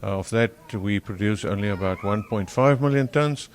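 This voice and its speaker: A man with a broad South African accent answering interview questions as a farmer, often halting and correcting himself. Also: fairly low pitch.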